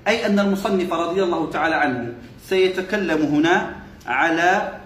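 High-voiced man teaching in an echoey room. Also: brisk, a bit bright, slight background noise. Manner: repeats key phrases, quizzes listeners with short questions. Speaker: religious teacher. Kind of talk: classroom lesson explaining a classical text.

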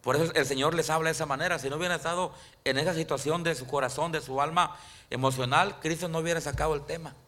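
Man preaching, higher-pitched voice, bright tone, calls out to the congregation, church service. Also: steady tone. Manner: preacher calling out to the congregation, asking questions; rises in pitch and loudness for emphasis, slows on scripture quotes. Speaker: pastor. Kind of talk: sermon.

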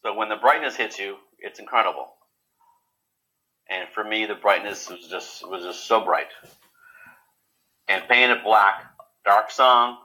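A man in a casual interview, talking haltingly with many repeated words and fillers. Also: on the low side, sharp tone, rough recording. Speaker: guest.

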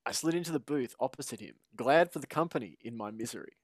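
Fast and expressive, this medium-pitched man co-hosts a sports podcast, joking around, laughing a lot, and reading out a story. The recording is dry.

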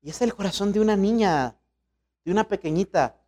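A man's voice: high voice, lively intonation, a little fast, darkish tone. A man, a pastor preaching a sermon in a colloquial, storytelling way.

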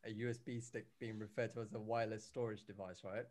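A man's voice: fairly low pitch, flat delivery, fast, a little mellow. Chatty man hosting. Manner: chatty, many fillers. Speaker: podcast co-host. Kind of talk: casual chat.

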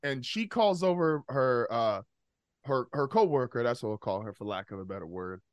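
A man on a podcast telling a story in casual chat, profane and animated, often laughing. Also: mid-range voice, moderate pace, dry recording. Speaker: podcast co-host.

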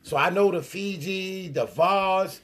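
High-voiced easygoing man. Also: takes it slowly, a bit bright. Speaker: podcast co-host. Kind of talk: casual chat.

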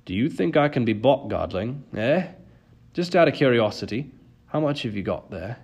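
A man putting on a gruff greedy ferryman of the dead. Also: mid-range voice, expressive, normal speed, darkish tone. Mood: wheedling. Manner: gruff, self-pitying, wheedling.

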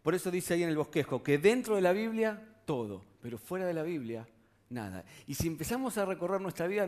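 A preacher with a Rioplatense Spanish accent and a fairly high voice for a man. He delivers his sermon in a relaxed, conversational way and keeps checking in with the congregation through rhetorical questions.

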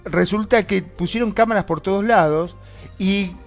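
A man speaking in a casual group discussion, relaxed and pausing on filler words. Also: high-pitched, soft background music. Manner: relaxed, uses filler words while he searches for the right term. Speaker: discussion participant.

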